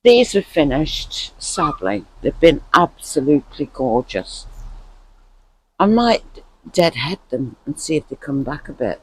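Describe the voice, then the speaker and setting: A man's voice: on the high side, sing-song, a little slow, breathy edge, low-quality recording. A man chatting casually as a gardening vlogger, rambling and repeating words for emphasis.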